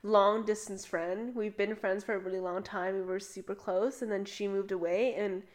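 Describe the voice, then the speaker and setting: A young woman chats casually as a podcast co-host, her mid-range voice moving quickly from one story to the next. She fills her sentences with "like" and tells tales animatedly. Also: mid-range voice. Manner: chatty, heavy use of "like", animated storytelling. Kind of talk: casual chat.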